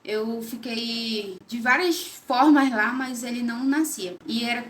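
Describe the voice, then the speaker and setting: A woman's voice: fairly high pitch, unhurried, a little hiss or hum. A young adult woman, telling a personal story in a vlog in an earnest, confiding way and often turning to her viewers directly. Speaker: vlogger.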